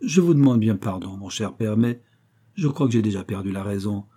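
A man reading aloud, voicing a lovestruck young gentleman who speaks in an ardent, pedantic way. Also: fairly low pitch, animated, brisk, breathy edge.

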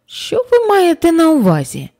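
A woman's voice: very high voice, huge pitch swings, normal speed, mellow, pitched above the performer's own voice, full character voice. A woman reading the part of a doubtful young man in an audiobook, speaking in an earnest, questioning way.

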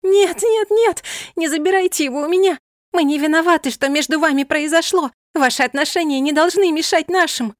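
A woman voicing a desperate young girl in love, pleading in a high, shrill voice. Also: fairly quick, no echo, studio quality, lightly acted.

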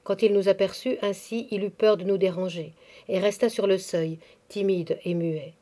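Woman narrating an audiobook, calm and measured, mellow warm voice. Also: medium pitch. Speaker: audiobook reader. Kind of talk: scripted literary narration.

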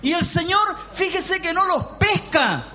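A pastor with a Chilean Spanish accent delivers a lively sermon in a church hall, speaking emphatically, often raising his voice, and tossing in joking asides. His voice is very high and a little slow.

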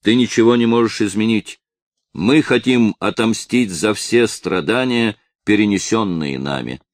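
A man performing a furious rebel villager in an audiobook, defiant and bent on revenge. His lines come out as raised shouts. The recording is dry. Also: on the low side, unhurried, dry recording, voice pushed up, close to an everyday voice. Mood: shouting. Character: angry rebel villager, vengeful young man.

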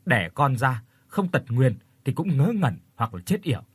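A man voicing an older village mother who wails and scolds her daughter with a sharp tongue. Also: medium pitch, big pitch swings, normal speed, husky, no echo. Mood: scolding.

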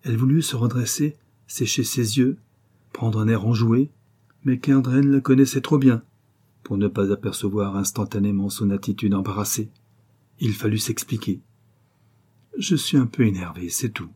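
Dark-voiced male audiobook narrator. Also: fairly low pitch, steady tone, normal speed, breathy edge.

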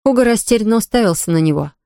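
A woman narrating a children's storybook with even, expressive reading. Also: medium pitch, very fast, no room sound, clean studio sound.

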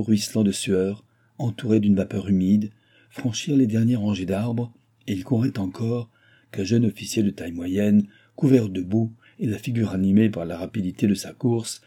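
Dark-voiced male audiobook narrator. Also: lowish voice, moderate pace, husky. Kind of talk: scripted narration of a classic novel.

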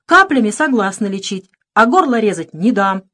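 A woman's voice: medium pitch, lively intonation, normal speed, bright, forceful tone. A woman reading an audiobook voices a stubborn old village grandmother who whines and nags in a raised, strained voice. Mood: whining protest. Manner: whining, nagging.

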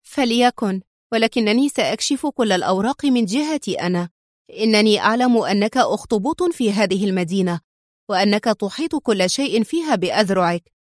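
A woman's voice: mid-range voice, no room sound, clean studio sound, lightly acted. A woman voicing a bold, determined young woman who bargains in a cool, businesslike way. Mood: sharp. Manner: businesslike, cool, quick to turn sharp.

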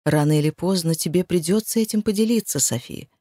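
Woman narrator voicing a low, soft-spoken male lover in a storybook. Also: fairly quick, dry recording, clean studio sound, lightly acted. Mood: tender. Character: tender, passionate young man, lover.

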